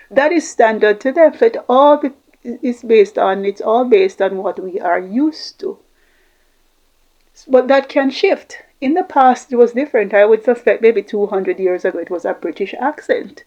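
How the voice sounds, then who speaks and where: With a fairly high, darkish voice at a measured pace, a middle-aged woman from Jamaica coaches communication in an unscripted talk to camera, rambling through long lists of examples. The lo-fi recording is a bit dull.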